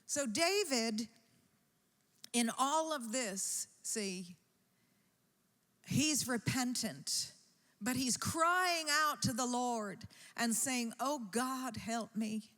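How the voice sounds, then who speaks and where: Woman preacher, slow and emphatic, higher voice, long echoey church reverb. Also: lively intonation, a bit bright. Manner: slow, emphatic storytelling with rising intensity. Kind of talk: sermon. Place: church sanctuary.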